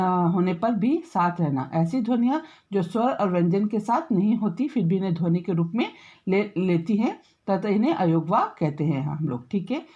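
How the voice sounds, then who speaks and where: A woman teaching a school grammar lesson, explaining step by step, checking in often with her pupils and drawing out example words slowly. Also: medium pitch, mellow, husky, lo-fi sound. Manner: drawn-out, slowed example words.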